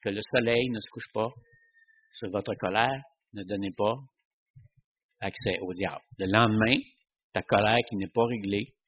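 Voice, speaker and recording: Husky man, lo-fi sound. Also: fairly low pitch, fairly even intonation, moderate pace, long pauses. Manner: conversational, frequent tag questions. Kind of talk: casual teaching on faith.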